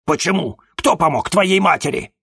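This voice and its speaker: A man's voice: fairly high pitch, lively intonation, moderate pace, creaky, fairly bright tone, breathy edge, pitched above the performer's own voice, full character voice. A man voicing a suspicious, stubborn older father who grumbles and distrusts.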